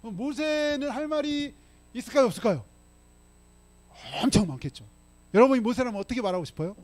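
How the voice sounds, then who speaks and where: High-voiced emphatic male pastor. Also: expressive. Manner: emphatic preaching, frequent rhetorical "응?" and "예?" prompts to the congregation; reads scripture aloud slowly and forcefully. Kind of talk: sermon. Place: church sanctuary.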